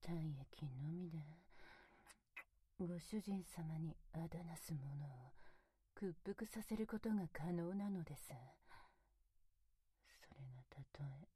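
A woman voicing a devoted, high-ranking demon butler in a whispered ASMR roleplay, speaking with extremely polite, servile formality into a close binaural mic. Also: measured pace, long pauses, mellow, slight background noise, lightly acted. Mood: seductive. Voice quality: breathy whisper. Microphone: close binaural mic, left and right ears.

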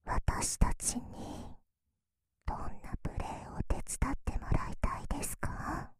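A woman's voice: no room sound, clean studio sound, lightly acted. A woman playing a teasing, seductive maid in a whispered role-play, politely coaxing her master. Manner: breathy, polite, coaxing, drawn-out phrasing.

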